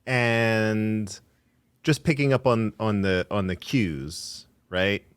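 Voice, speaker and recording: A man co-hosting a casual podcast in a relaxed, unhurried way, restarting phrases while he gathers his thoughts. His voice is fairly low. The sound is dry and close, with no room echo. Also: clear, resonant tone. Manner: laid-back, hesitant, repeats words while thinking. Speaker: podcast co-host. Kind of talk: casual chat analyzing a video game.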